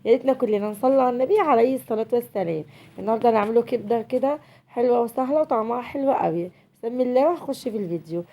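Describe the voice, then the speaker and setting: A woman's voice: fairly high pitch, very fast, warm tone. An Egyptian woman with a cold, hosting her home cooking channel and chatting directly to viewers as she cooks. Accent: Egyptian Arabic. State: has a cold.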